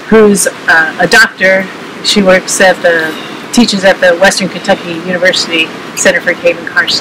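Middle aged guy, high voice, park guide chatting outside, hesitant, far from mic, noisy. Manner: hesitant, modest, pausing mid-phrase. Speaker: park cave guide being interviewed. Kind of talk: casual interview answers. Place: outdoors beside a wooded retaining wall. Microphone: camera several meters away. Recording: distant outdoor mic with clear ambient noise.

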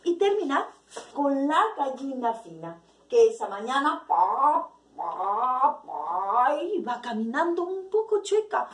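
A woman's voice: high voice, takes it slowly. A Mexican woman telling a children's fable expressively, clucking like a hen between lines. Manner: expressive, with clucking sound effects. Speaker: storyteller. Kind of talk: storytelling a fable. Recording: echoey room from far off.

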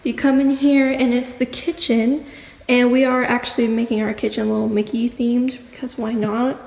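A teenage girl films a casual tour of an empty, bare-walled house on a phone held at arm's length, chatting and rambling with lots of filler. Her fairly high voice has a flat delivery, moderate pace, vocal fry and a darkish tone. The rooms echo, with a faint hum underneath.

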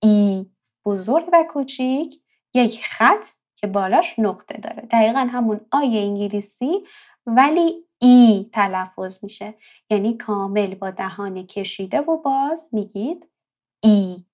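A young woman with a fairly high voice gives a patient language lesson. She explains each point, then says the example words slowly and clearly, drawing them out so learners can copy them. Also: lively intonation, a little mellow. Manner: slow, drawn-out repetition of example words. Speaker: language teacher.

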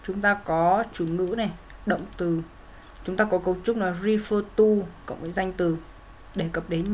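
A woman's voice: mid-range voice, a little hiss or hum. A woman teaching English grammar, working through answers step by step in a methodical way, with frequent fillers and self-corrections. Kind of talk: explaining grammar exercises.

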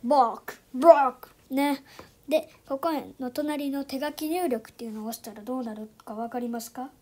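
Woman, high voice, casual tutorial host, chatty, many fillers, soft asides. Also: little pitch movement, brisk. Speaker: YouTube channel host.

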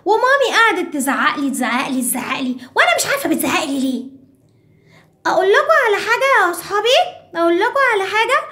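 Woman putting on a chatty little girl, Egyptian accent, squeaky high, lively sing-song, children's lesson. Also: racing, full character voice. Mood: playful. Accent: Egyptian Arabic. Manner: chatty, addresses children as friends. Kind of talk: children's English lesson in character.

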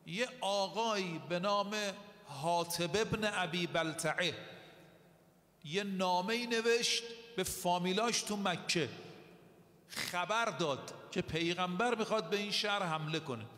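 A male preacher delivers a storytelling sermon in a high voice, slowing down to stress key words and reciting Arabic verses. His voice rings out across a large hall. The sound is roomy, with a long reverb tail. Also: a bit bright. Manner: slow deliberate emphasis, recites Arabic verses.

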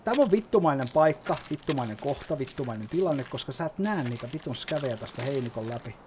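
A man's voice: mid-range voice, expressive, a little mellow, a little hiss or hum. A man giving casual gameplay commentary, explaining as he plays and swearing often. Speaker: gaming YouTuber.

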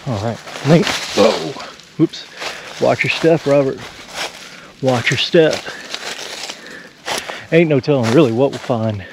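A man's voice: medium pitch, slow pace, creaky, pauses often, noisy background. A man, narrating casually as he explores rural woods and thinks aloud about what he finds. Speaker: explorer vlogger.

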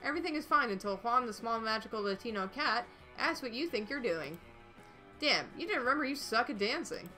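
A woman's voice: on the high side, lively intonation, a little fast, bright, forceful tone, faint music behind. A woman narrating a dating game on a stream, reading the text in a playful, upbeat way with dry asides.

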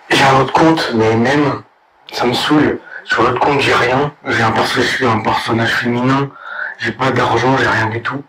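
A man with a hoarse, sick voice rants at other gamers, crude and halting, with many hesitations. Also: medium pitch, noisy background. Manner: crude, halting, full of fillers. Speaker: gamer ranting to viewers. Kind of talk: angry video rant.

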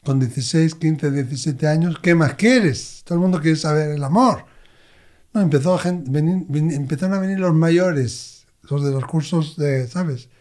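A man, a medium, telling expressive stories as an interview guest. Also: a little high, moderate pace. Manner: expressive, animated anecdotes. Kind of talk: conversational storytelling.

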